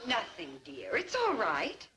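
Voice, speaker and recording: Patient coaxing mom, animated intonation, tactful, vintage TV sitcom, noisy track. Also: female voice, fairly high pitch, takes it slowly, exaggerated voice. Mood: gently coaxing. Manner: coaxing, calling people dear. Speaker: mother. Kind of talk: 1950s-60s TV sitcom acting. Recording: noisy old TV soundtrack.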